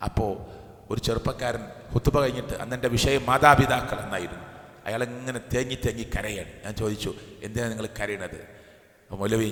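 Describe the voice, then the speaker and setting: Middle-aged male preacher, Malabar Malayalam accent, bright forceful voice, long hall reverb. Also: medium pitch. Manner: emotional storytelling, rising to impassioned chanting. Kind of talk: sermon. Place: mosque. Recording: echoey mosque hall.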